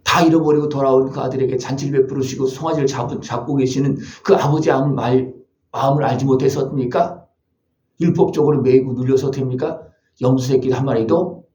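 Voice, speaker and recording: A man's voice: medium pitch, warm tone, roomy sound. A male pastor preaching a sermon, asking his congregation one rhetorical question after another. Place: church sanctuary.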